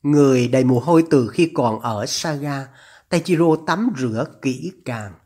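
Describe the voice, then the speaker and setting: An audiobook narrator reading a novel in a steady, measured way. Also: mid-range voice. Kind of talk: scripted narration.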